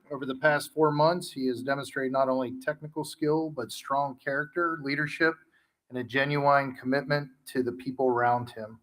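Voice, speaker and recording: Guy reading a formal intro at a graduation, sharp bright voice. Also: on the high side, poor audio. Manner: formal, reads prepared remarks. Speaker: ceremony presenter. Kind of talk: scripted introduction speech.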